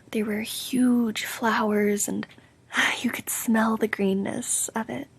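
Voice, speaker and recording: A woman doing a whispered role-play as an affectionate, sleepy girlfriend, speaking softly, drowsily and intimately in a breathy whisper with creaky edges. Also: on the high side. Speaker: roleplay audio performer playing a sleepy girlfriend.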